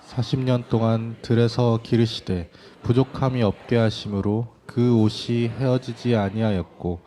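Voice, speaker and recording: A man reading scripture verses aloud in a steady, measured way. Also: medium pitch, a little hiss or hum.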